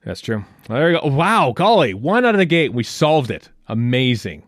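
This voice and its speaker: A middle-aged man co-hosting a podcast, his voice leaping around with lively pitch. He chats casually and jokes, quick to exclaim. The sound is close and dry, with no room around it. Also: no room sound. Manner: animated, jokey, quick to exclaim. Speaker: podcast co-host. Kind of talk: casual chat.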